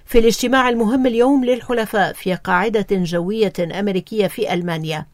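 A woman reads the radio news in a measured, even manner at a medium pitch. The recording is dry and close, with no room sound. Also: no room sound. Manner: measured, even formal delivery. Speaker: newsreader. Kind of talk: formal radio news reading.

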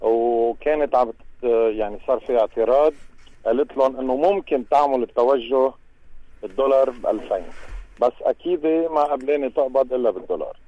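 A man's voice: medium pitch, fairly quick, no room sound, narrow, tinny audio. A man with a Lebanese accent explaining things as a radio guest, repeating phrases for emphasis. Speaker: transport union representative, radio guest.

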